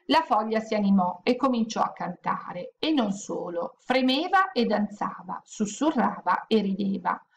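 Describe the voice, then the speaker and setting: A woman reading a children's storybook aloud in a gentle, steady storytelling manner. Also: medium pitch, measured pace, vocal fry, few pauses. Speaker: audiobook reader.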